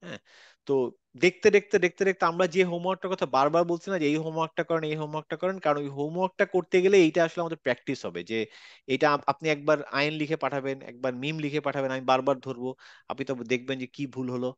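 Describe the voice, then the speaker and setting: A man's voice: on the high side, fairly even intonation, racing, clean tone, dry recording, lo-fi sound. A man teaching Quran letter pronunciation in an online class, patiently repeating each sound. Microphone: video call.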